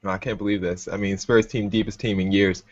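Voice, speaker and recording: A man's voice: lowish voice, little pitch movement, quick pace, no room sound. A man hosting a casual sports talk podcast, brash and teasing, bossing his co-hosts around. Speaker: podcast host. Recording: dull lo-fi recording.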